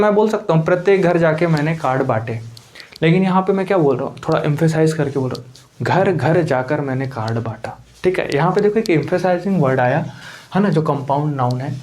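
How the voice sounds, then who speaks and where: A man's voice: a little high, fast, a little mellow. A man teaching English grammar for competitive exams in a Hindi-English lecture, explaining step by step, repeating key words and asking questions of his students.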